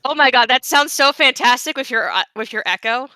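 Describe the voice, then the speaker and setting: A woman's voice: high voice, animated, brisk, bright, forceful tone. A woman giving casual, chatty live commentary on her own game run, with playful asides.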